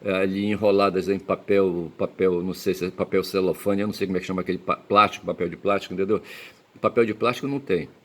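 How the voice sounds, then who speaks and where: A man's voice: sits low, fairly even intonation, fast talker. A man from Belém, rambling through a personal monologue, cursing often and tagging nearly every phrase with a question. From Belém, Pará, Brazil. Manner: peppers speech with tag questions; profane, emphatic outbursts. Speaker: commentator.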